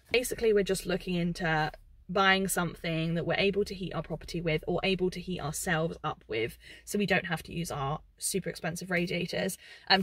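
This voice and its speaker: A woman's voice: fairly low pitch, no echo. A young woman giving a casual, open life update from inside her parked car, filmed close up and talking with lots of fillers. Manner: chatty, open, lots of "um" and "like", hands moving. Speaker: vlogger. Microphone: camera facing her at close range.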